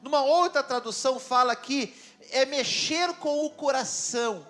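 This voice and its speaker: High-voiced pastor preaching. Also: male voice, a little slow, fairly bright tone, faint music behind. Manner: dramatic, conversational, with questions to the congregation. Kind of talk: sermon. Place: church.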